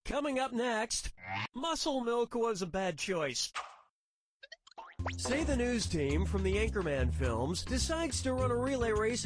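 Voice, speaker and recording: A sardonic quiz game host with a high voice. He delivers scripted comic questions and quips in a wry manner over loud music. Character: wisecracking male quiz show host.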